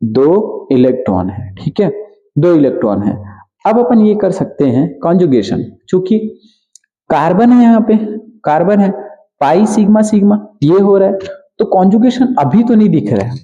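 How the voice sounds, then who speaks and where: A man teaching a chemistry lecture. He asks questions and answers them himself, repeats key terms, and drags key words out slowly. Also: high-pitched, very animated, phone-quality sound. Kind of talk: exam-prep lecture.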